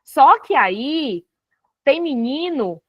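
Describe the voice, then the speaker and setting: A woman's voice: high-pitched, very animated, drawn-out words, no echo, muffled recording. A Brazilian woman teaching a recorded writing lesson, explaining step by step and checking often that students follow. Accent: Brazilian Portuguese.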